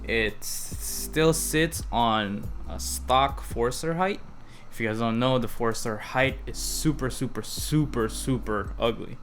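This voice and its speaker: A man's voice: medium pitch, unhurried, a bit bright, faint music behind. A young man hosting his own car project vlog, talking loosely to camera with frequent restarts. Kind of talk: casual vlog talk to camera.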